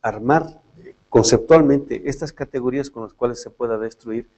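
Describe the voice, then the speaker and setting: A man's voice: medium pitch, moderate pace, warm tone, poor audio. A man giving a philosophy lecture in a reflective way, often tagging his points with questions and restarting his phrases. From Latin America.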